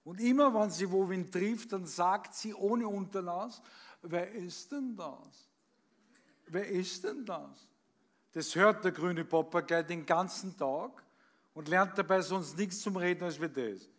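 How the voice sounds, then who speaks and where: A man's voice: high voice, a little slow, fairly bright tone. A man with an Austrian accent reciting comic poems on stage with a theatrical, emphatic delivery. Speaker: actor reading on stage.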